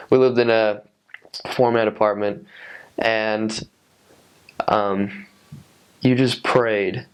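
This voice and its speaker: A man in his twenties with a fairly low voice and plenty of vocal fry shares personal memories in a casual way. His delivery is halting and reflective, with thoughts that often trail off before he picks them up again. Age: 20s. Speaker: returned missionary recalling his service.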